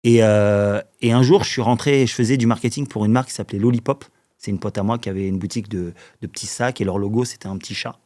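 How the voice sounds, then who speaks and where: A man in his forties from the Paris suburbs talks in a fairly low voice as a podcast guest. He rambles through his anecdotes casually, leaning on fillers and chuckling as he goes. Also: fairly even intonation, fast talker, mellow. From Paris suburbs, France. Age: 40s. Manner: rambling storyteller, filler-heavy, chuckles often.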